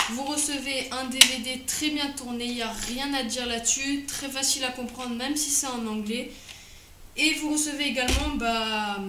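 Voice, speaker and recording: Woman vlogger, high voice, halting casual review, faint background hiss. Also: bright, forceful tone. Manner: hesitant, frequent fillers and restarts. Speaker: product reviewer. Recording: roomy echo, faint noise.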